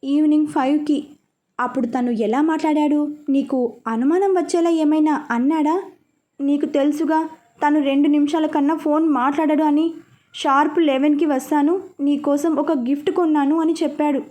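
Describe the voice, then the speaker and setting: A woman's voice: high voice, fairly even intonation, moderate pace, dark tone, natural voice. A woman voicing a caring, firm woman who comforts and questions a crying friend.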